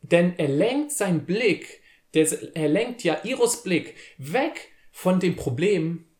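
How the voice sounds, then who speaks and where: A man's voice: sits high, animated, slow pace, a little mellow. Casual young-sounding man giving a devotional. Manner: casual, with slang asides and restarts; reads scripture aloud, then retells it loosely. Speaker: youth devotional host. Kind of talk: casual short devotional talk.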